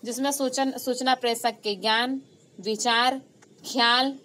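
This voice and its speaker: A woman teacher giving an online class lecture, explaining slowly, repeating key terms and stressing example phrases. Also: on the high side, fairly even intonation, fairly bright tone, slight background noise, low-quality recording.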